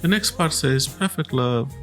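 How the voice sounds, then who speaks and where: A man from Zimbabwe hosting a podcast, talking in a slow, earnest and reflective way with restarts. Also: mid-range voice, animated, a bit bright, soft background music. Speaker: podcast host.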